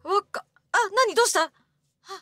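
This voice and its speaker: Woman streamer, very high and bright voice, excitable, gasping reactions, self-mocking asides. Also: brisk, dry recording, clean studio sound. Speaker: VTuber streamer. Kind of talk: live anime watch-along reaction.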